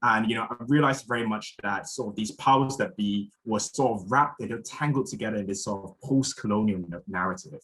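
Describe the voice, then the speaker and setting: A young man from Malaysia chairs a symposium and gives its opening talk. His voice sits a little low, and he speaks thoughtfully, pausing on fillers and restarting his sentences. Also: a bit bright, low-quality recording. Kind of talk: spoken conference introduction.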